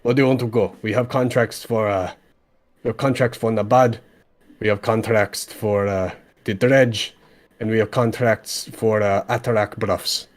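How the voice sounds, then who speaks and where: A man's voice: lowish voice, steady tone, moderate pace, close to an everyday voice. A man voicing a small, pushy male rabbit contractor who speaks in broken English with hustling sales patter.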